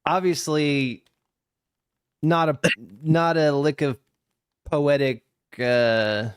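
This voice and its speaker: A man co-hosting a podcast, chatting casually as he reacts to a video, with frequent laughter and quick asides. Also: on the high side, fairly even intonation, clear, resonant tone, no room sound, clean studio sound. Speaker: podcast co-host.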